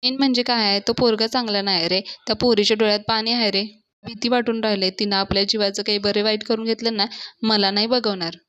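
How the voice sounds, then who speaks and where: A young man talks low and heavily, weighed down with worry. A woman plays him with her voice pushed down a little. The recording is dull and lo-fi. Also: fairly even intonation, quick pace, fairly bright tone, close to an everyday voice. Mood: worried. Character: worried young man, anxious about a girl.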